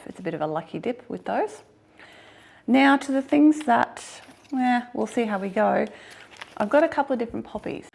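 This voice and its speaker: An Australian woman talks casually to camera in a husky, hoarse voice. Her delivery has a heavy gravelly fry running through it, at a middling pitch. She is chatty and self-deprecating, laughing easily between thoughts. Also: darkish tone. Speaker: gardening vlogger.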